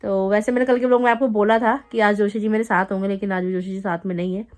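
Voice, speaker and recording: A young woman vlogger casually telling a story to the camera, chatty and animated, acting out the quotes as she goes. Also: mid-range voice, quick pace. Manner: chatty, animated retelling with acted-out quotes and laughter. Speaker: family vlogger.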